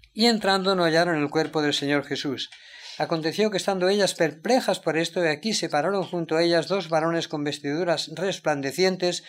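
A man, a preacher, reading Bible passages aloud in a measured, deliberate way. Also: fairly high pitch.

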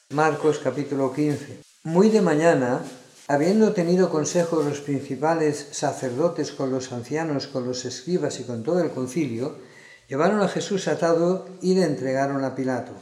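A man's voice: mid-range voice, dark tone. A man preaching a sermon and reading scripture aloud in an earnest, emphatic way. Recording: roomy echo.

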